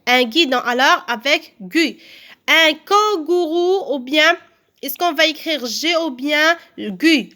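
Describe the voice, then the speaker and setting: Female primary teacher, high bright voice, unhurried, careful syllable-by-syllable delivery for young pupils. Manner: slow, careful, repeats words and claps out syllables. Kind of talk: recorded phonics lesson for children.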